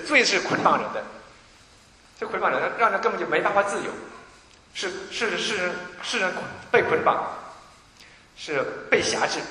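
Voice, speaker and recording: A man preaching a sermon, telling stories in an animated way, with many restarts and repeated words. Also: on the high side, reverberant, big-room sound, slight background noise, low-quality recording. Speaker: pastor.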